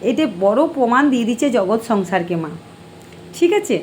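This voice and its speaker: A woman's voice: fairly high pitch, expressive, fairly quick, darkish tone, a little hiss or hum. A middle-aged woman hosting a live stream, answering viewer comments in a preachy, admonishing way. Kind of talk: casual live-stream chat.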